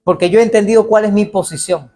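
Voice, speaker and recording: A man preaching a sermon as pastor in a church, animated and acting out the voices of people he quotes. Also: high-pitched, fast.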